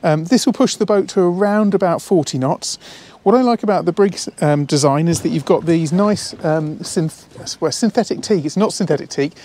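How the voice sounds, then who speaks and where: A slightly high-voiced man in his thirties walks a camera through a boat outdoors at a marina. He talks with enthusiasm, repeating words and dropping in fillers as he points things out. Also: moderate pace, a little mellow. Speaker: boat salesman. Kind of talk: walkthrough tour. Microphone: handheld camera, speaker walking around it.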